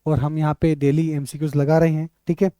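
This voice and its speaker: Man, teacher, high voice, crisp and clean, dry close mic, drills letters aloud, energetic. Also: a little fast, no echo. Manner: energetic, drills sounds aloud, repeats questions to the class. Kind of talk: online exam-prep class.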